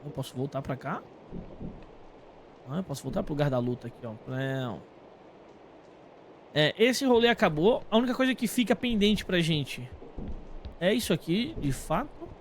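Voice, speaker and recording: Animated high-pitched Brazilian man streaming a game. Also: normal speed, long pauses, slight background noise. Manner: informal, slangy, thinking aloud. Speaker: game streamer talking to live chat. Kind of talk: casual gameplay commentary.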